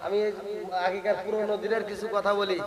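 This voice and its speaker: A man's voice: sits high, little pitch movement, quick pace, reverberant, crowd noise, rough recording. A male Islamic preacher, delivering a fervent sermon, singing passages and throwing rhetorical questions at his listeners. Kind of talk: Bengali religious sermon with sung chanting.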